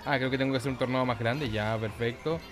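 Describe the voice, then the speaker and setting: Talking fast in a steady, medium-pitched voice, this Chilean-accented man keeps up playful, sweary commentary on his gameplay as a gaming YouTuber. Silly sound effects and singsong lines pop up throughout, with game music playing behind him.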